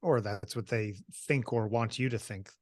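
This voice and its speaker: A man talking as a guest in a conversation, relaxed and matter-of-fact, pushing back on the questions. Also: lowish voice, normal speed, no echo. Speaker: guest photographer. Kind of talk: conversational discussion.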